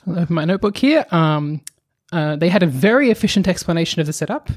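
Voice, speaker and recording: Podcast co-host, casual chat, mid-range pitch, long explanations, quick bursts, sighs. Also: expressive.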